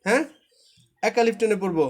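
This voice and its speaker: High-pitched male tutor, drilling reading rules over an online class and checking that students follow. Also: a little fast. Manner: patient, repetitive, often checks understanding. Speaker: Quran recitation teacher. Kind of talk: live online class instruction. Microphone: online live class.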